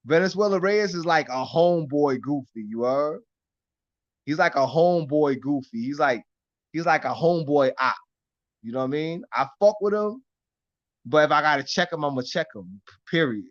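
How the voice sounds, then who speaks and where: Man, New York–Florida accent, slangy and profane live-stream host, slightly high voice, muffled lo-fi audio. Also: expressive, moderate pace. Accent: New York mixed with Florida. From Harlem, New York. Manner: loose street slang, heavy cursing, repeats "you know what I mean". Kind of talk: casual chat.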